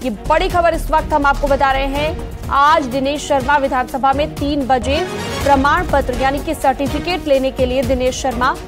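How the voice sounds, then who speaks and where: High-voiced young woman reading news. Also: fairly even intonation. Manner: brisk, formal bulletin delivery. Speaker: news anchor. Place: TV news studio. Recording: broadcast bed music underneath.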